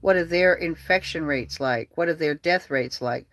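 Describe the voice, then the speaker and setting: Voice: mid-range voice, moderate pace, a bit bright, dry recording. Heated, profane political ranter. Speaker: political vlogger. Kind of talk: angry political rant.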